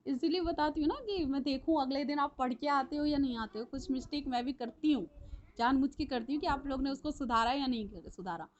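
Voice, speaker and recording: A woman's voice: sits high, brisk, lo-fi sound. A woman teaching a live online class, chatty and repetitive, often checking that her students are following.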